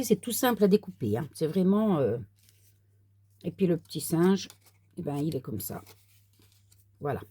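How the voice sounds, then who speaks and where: A woman with a low, dark, slightly husky voice demonstrates a paper crafting kit at her table. She talks softly and without hurry as she handles the pieces. The sound is close and dry. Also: dry recording. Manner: soft, unhurried, talks while working with paper. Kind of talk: casual crafting tutorial.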